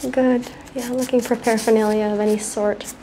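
A young woman playing a bossy, teasing airport security officer in a soft-spoken ASMR ASMR role-play, giving curt commands. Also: fairly high pitch, level tone, brisk, natural voice, poor audio. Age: 20s. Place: small plain indoor room. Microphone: clip-on mic at the collar. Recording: hissy noise with clicks.

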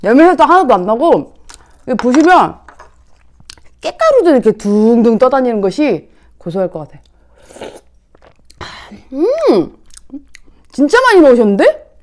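Female mukbang host: high-ish, expressive voice, casual and playful chat straight to the viewers. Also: measured pace, long pauses.

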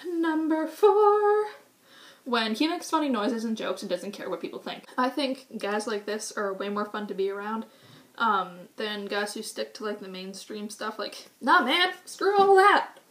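A woman's voice: medium pitch, moderate pace, fairly bright tone. A young woman from New England with a thick New Hampshire accent, chatting through a goofy list for her vlog, full of "like" and "um". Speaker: YouTube vlogger.

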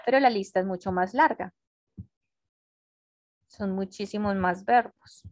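A woman gives an online English lesson in an unhurried, patient way, often pausing to check understanding. Her voice sits at a middle pitch and is recorded close and dry on a computer mic. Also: no echo. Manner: slow, patient explaining with frequent checks. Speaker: English teacher. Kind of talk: online class explanation. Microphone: computer mic on a video call.

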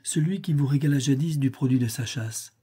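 A man's voice: medium pitch, a little fast, dark tone, husky, voice pushed up, natural voice. A man doing a sly mocking old gambler. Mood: pleading. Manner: mocking, self-assured.

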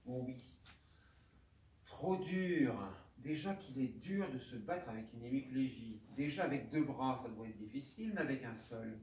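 A man, a doctor, gives a personal testimony talk at a conference, speaking haltingly with aphasia and often repeating his words. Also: mid-range voice, animated, a little mellow, slight background noise. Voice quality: speech marked by aphasia. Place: conference room. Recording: roomy hall, distant mic, faint ambience.

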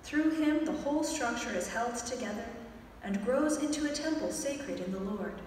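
A woman reading scripture aloud as a lector at a pulpit microphone, in a deliberate, formal way. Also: on the high side, animated, darkish tone. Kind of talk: scripture reading and responsorial psalm. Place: indoor church sanctuary, at the lectern. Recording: echoey church, far from the mic, faint noise.

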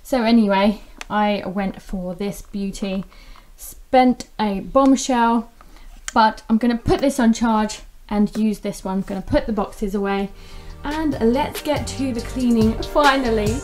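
A woman in her thirties talks to a camera held at arm's length in her living room. Her voice sits a little high, and she rambles in a loose, chatty way with plenty of ums and likes. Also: unhurried, darkish tone, faint music behind. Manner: chatty, rambling with many fillers. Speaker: home vlogger. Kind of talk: casual chat to camera. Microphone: handheld camera at arm's length.

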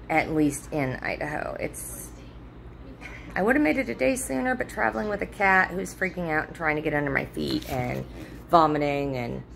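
A vlogger in her thirties chats casually with her followers from a motel room, rambling with plenty of ums and restarts. Her voice is medium-pitched, creaky, and a bit bright, recorded on a phone held at arm's length with a little hiss or hum.

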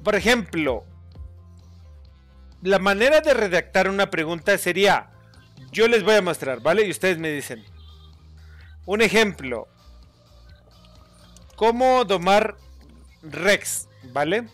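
Rambling man, high voice. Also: expressive, measured pace, long pauses, fairly bright tone, soft background music. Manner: rambling, corrects viewers' spelling, chuckles often. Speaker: YouTube gamer and channel host. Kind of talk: casual screen-recording tutorial.

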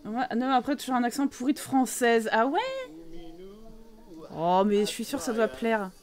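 A woman's voice: a little high, normal speed, a little mellow. A young French woman chatting casually with her live chat while playing a life-simulation game, rambling with many fillers. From France. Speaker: streamer.

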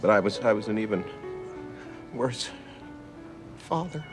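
A sad divorced dad, halting, lowish voice, music playing clearly behind. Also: male voice, expressive. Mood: remorseful. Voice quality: halting, hesitant. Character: remorseful divorced father of five. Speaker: dinner date.

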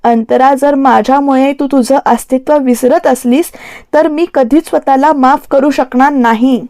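A woman's voice: sits high, steady tone, measured pace, dark tone, no room sound, clean studio sound. A woman voicing a hurt, insistent young husband in a storybook reading, pressing with a raised voice. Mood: upset, pressing.

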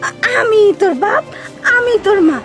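A woman's voice: very high-pitched, animated, unhurried, soft background music. An actress playing a grieving mother who soothes her daughter through tears. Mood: tearful. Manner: tearful, soothing, sobbing. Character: grieving, abandoned young mother. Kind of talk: melodramatic short-drama acting.

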